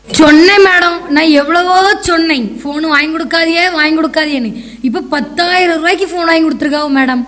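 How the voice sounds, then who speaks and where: A woman's voice: extremely high pitch, fast, a bit bright. A woman playing a complaining mother who pleads with a counselor about her daughter. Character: nagging complaining mother of a teen girl. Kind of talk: college stage skit.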